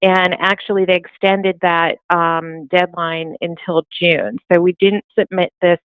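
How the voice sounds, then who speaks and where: A woman's lowish voice comes through a tinny phone line, dry and close with no room sound. She is presenting a report to a public meeting, hesitant and full of ums and restarts. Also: little pitch movement, measured pace, clear, resonant tone, no echo. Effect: heard over a phone line. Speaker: county health department presenter.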